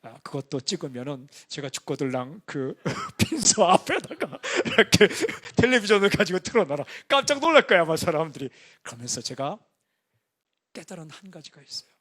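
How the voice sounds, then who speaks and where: A middle-aged male pastor preaching in a conversational, storytelling way, now and then breaking into excited exclamations. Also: a little high, normal speed. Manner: conversational storytelling, bursts into excited singing and shouting. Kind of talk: sermon.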